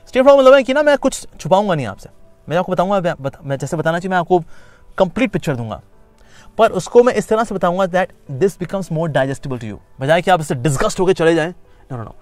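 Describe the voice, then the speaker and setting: A man with a fairly high voice gives a lively, explanatory spiritual lesson. He switches between Hindi and English and now and then acts out inner voices with sing-song repetition. The sound is dry and close, with faint music underneath. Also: brisk, dry recording. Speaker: spiritual teacher. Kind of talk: Gita lecture.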